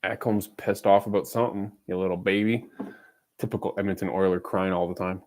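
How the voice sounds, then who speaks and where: A man streams a hockey watch-along, calling the play and teasing his viewers in a chatty, casual way as he jumps between play-by-play and banter. His voice sits low and darkish, steady in tone and a little fast.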